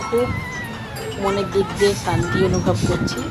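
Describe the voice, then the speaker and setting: A woman's voice: mid-range voice, steady tone, normal speed, loud music behind the voice. A middle-aged woman narrates a casual family vlog, speaking simply and repetitively, straight to her viewers. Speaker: family vlogger. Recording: loud crowd and outdoor ride noise. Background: busy outdoor amusement park crowd and machinery noise.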